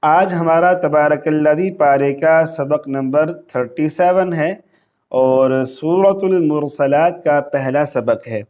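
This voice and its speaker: A male teacher of Quranic recitation runs a tajweed session, quickly explaining the rules in Urdu with a Pakistani accent and then chanting the Arabic verses in slow, prolonged tones. His voice sits on the high side, and the recording's highs are cut off.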